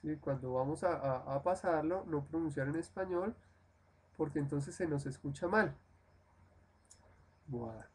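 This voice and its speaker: A man leads a live-streamed English lesson at an unhurried, deliberate pace. He explains patiently, repeats the practice phrases several times, and keeps checking that his listeners follow. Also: fairly high pitch, slight background noise. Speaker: English teacher.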